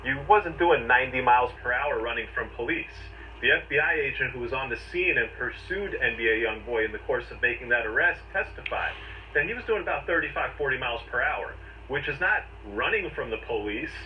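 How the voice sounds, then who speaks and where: A man's voice: mid-range voice, expressive, brisk. A man giving a conversational legal explainer, telling it step by step in emphatic short phrases. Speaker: legal commentator. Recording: distant, dull, noisy replayed audio.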